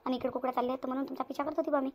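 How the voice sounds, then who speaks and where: A woman voicing a suspicious high-voiced young wife. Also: little pitch movement, rapid-fire. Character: suspicious young wife grilling her husband. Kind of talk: cartoon voice acting.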